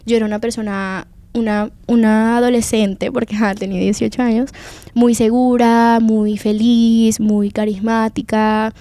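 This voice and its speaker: A woman's voice: fairly high pitch, flat delivery, unhurried, mellow, no room sound. A young woman from Venezuela with a Venezuelan Spanish accent, telling her faith testimony as a guest in an earnest, confiding way.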